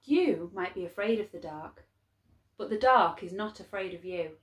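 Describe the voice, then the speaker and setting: A woman reading a story aloud to young children in a measured, expressive way with clear phrasing. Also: fairly low pitch, roomy sound.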